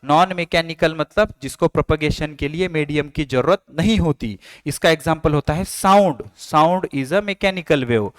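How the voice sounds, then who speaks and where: Lively man teaching science, dry close mic. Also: fairly high pitch, no echo. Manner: mixes Hindi and English, asks and answers own questions; reads English textbook lines slowly, then explains them. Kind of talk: online science lesson.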